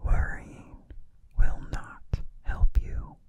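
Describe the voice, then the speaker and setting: A young man gives a soothing ASMR pep talk of affirmations in a breathy whisper close to the microphone, repeating drawn-out phrases. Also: a little mellow. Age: young adult. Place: small dim indoor room. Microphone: studio microphone close to the mouth, binaural.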